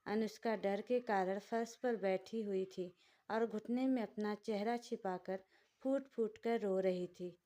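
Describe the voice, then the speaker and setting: A woman storyteller giving scripted narration of a romantic drama in a steady, dramatic way. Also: medium pitch.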